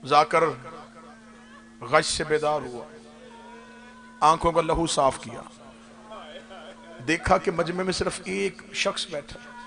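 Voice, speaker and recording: High-voiced man delivering an impassioned mourning sermon. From Pakistan. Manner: impassioned, swelling to loud cries. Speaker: religious orator. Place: live religious gathering.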